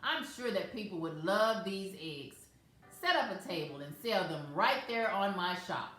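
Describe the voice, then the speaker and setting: A woman voicing a kind old male hat-shop owner in a storybook reading, speaking softly and thoughtfully. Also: medium pitch, expressive, unhurried. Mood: encouraging. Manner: soft, thoughtful. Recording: very echoey room, faint music.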